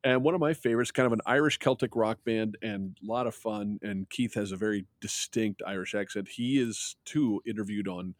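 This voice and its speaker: A man hosting a podcast, talking into a mic held close with a dry, low voice. He chats casually, restarts his sentences and laughs a lot. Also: brisk, hardly any pauses, no room sound. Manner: chatty, laughs often, many restarts. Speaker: podcast host. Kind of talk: casual chat. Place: outdoors, with jets passing over. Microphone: close microphone.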